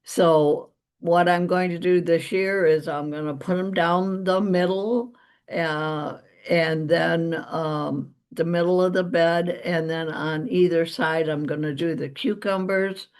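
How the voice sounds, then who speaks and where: A woman's voice: low-pitched, a little mellow. A middle-aged woman with an American accent in a casual vlog-style chat, rambling along with small chuckles. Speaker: vlog host. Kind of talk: casual gardening chat to viewers.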